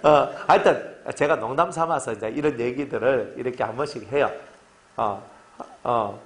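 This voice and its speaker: At a normal speed and medium pitch, a middle-aged man preaches as pastor to his congregation. He jokes, keeps things lively, and often prompts listeners to agree.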